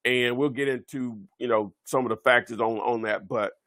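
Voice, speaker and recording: A man's voice: mid-range voice, fairly even intonation, moderate pace, fairly bright tone, no echo. Man, webinar presenter, medium voice, dry close mic, rambling off-the-cuff delivery. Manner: rambling, many fillers and self-corrections. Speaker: real estate webinar presenter. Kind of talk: unscripted instructional webinar talk.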